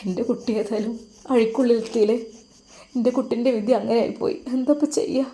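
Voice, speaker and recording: A woman voicing a grieving old father who pleads for his son, speaking softly and tearfully with a Malappuram Malayalam accent. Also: a little high, fairly even intonation, quick pace, close to an everyday voice. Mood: pleading.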